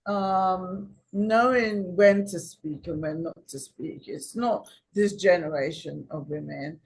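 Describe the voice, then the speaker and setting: A middle-aged woman from Guyana, a podcast guest telling stories in a lively, conversational way. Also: on the low side, takes it slowly, slight background noise, low-quality recording. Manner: animated storyteller, acts out quoted dialogue. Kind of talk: conversational storytelling.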